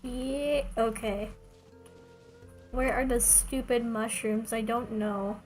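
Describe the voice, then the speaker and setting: Game music plays behind a woman who chats casually while livestreaming her gameplay. English is her second language, and her voice sits on the high side, a little mellow, with a steady tone and a slow pace.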